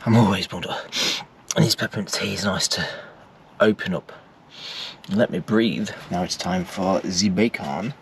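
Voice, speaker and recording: Deep-voiced and speaking at a moderate pace, this Englishman in his forties narrates his breakfast cooking inside a small camper van. He's chatty and pokes fun at himself for viewers, recorded by a distant camera mic across a small table amid loud background noise.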